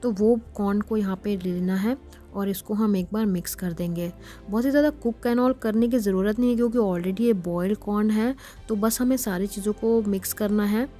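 A woman with a mellow, warm voice walks through a home recipe step by step, calm and explanatory as she talks to her viewers. Soft music plays faintly behind her. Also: mid-range voice, normal speed. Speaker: cooking channel host. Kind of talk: step-by-step cooking instruction. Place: home kitchen.

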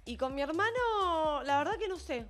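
A woman with an Argentine accent chatting on a studio talk show, expressive and quick to laugh. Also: sits high, soft background music. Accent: Argentine Spanish. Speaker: co-host. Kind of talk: casual studio chat.

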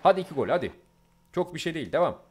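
Excitable man commentating his game. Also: fairly high pitch, racing. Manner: excitable, swings from calm play-by-play to angry yelling. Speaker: gameplay streamer. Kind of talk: live gameplay commentary.

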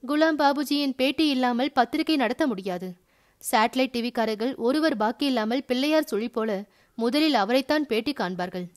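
High-voiced woman reading a crime novel. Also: dry recording, clean studio sound. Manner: steady storytelling, voices the characters. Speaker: audiobook narrator. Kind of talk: audio novel narration.

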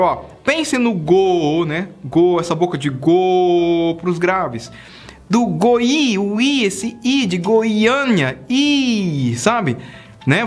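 Chatty high-voiced sax teacher. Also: male voice, a bit bright. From Brazil. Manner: chatty, checks in often with "tá?" and "cara". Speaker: saxophone teacher. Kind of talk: casual video lesson.

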